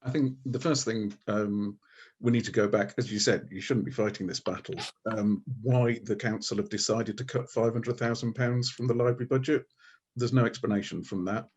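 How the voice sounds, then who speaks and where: Husky-voiced guy making his case in a debate, firm and pointed. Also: fairly low pitch, fairly even intonation, normal speed, darkish tone. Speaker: Green Party candidate. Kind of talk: debate answer.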